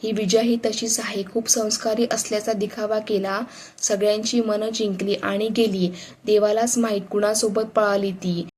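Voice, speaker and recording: A woman's voice: medium pitch, flat delivery, normal speed, darkish tone, a little hiss or hum, natural voice. A woman reading a scornful, domineering older uncle. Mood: angry scorn. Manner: scolding, contemptuous.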